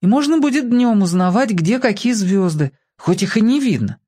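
A man's voice: high-pitched, very animated, normal speed, mellow, husky, voice pushed up, heavily acted. A man reading a storybook aloud, voicing a dreamy young boy who loves the stars and explains his plans earnestly. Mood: eager explaining.

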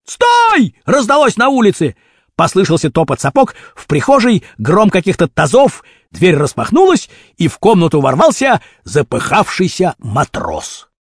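Brief: male audiobook narrator, animated and husky, slightly high-pitched. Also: moderate pace, few pauses, dry recording, clean studio sound. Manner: expressive storytelling. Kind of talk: audiobook reading of a children's adventure novel.

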